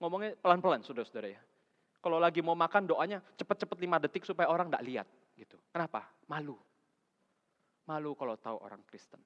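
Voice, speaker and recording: Man giving a sermon, bit high-pitched, goes loud then quiet, echoey church, dull muffled recording. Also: lively intonation, quick pace. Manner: colloquial, swings between loud emphasis and soft asides. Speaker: vicar preaching. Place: church sanctuary. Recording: echoey hall, dull lo-fi sound.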